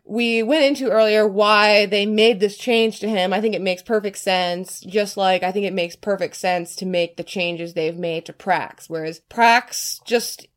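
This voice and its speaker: A woman co-hosting a podcast in casual discussion, enthusiastic and speaking in quick excited bursts. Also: mid-range voice. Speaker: podcast co-host.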